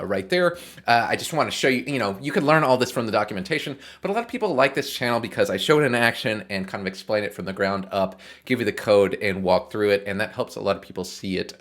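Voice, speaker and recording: This coding screencast features a man with a medium-pitched, slightly bright voice. As host, he casually walks through the code, explaining things informally and often checking in with the listener.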